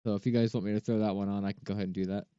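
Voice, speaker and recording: A man talks casually to his stream in a laid-back stoner drawl, sounding high. His tone is dark and mellow. The sound is dry and a little muffled. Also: little pitch movement, racing, clean tone, dry recording. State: high on cannabis. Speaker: livestreamer. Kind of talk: casual chat with viewers.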